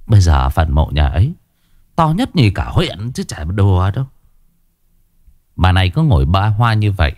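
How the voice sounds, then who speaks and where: A man narrating a ghost story in a lively, expressive way. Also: low voice, no echo, clean studio sound. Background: faint background music.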